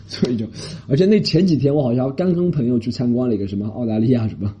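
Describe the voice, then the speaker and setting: A man from Shanghai telling a story in a casual monologue, animated, indignant and rambling. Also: mid-range voice, quick pace. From Shanghai, China. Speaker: podcast host. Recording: dull lo-fi recording.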